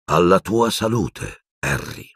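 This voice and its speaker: A man voicing an old male wizard headmaster in an audiobook, speaking slowly and solemnly, wailing and pleading when afraid. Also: deep voice, big pitch swings, a bit bright, breathy edge, no room sound, studio quality, full character voice. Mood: grave, commanding. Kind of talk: audiobook character voice.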